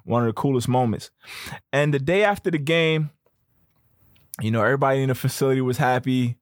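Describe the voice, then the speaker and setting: A young man hosts his own podcast and spins a casual story in loose, slangy talk, dropping "man" at the end of his lines. His middle-pitched voice rises and falls a lot as he gets into it. The sound is dry and close, with no room ring. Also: dry recording. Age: young adult. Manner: animated, slangy, peppered with "man". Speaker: podcast host.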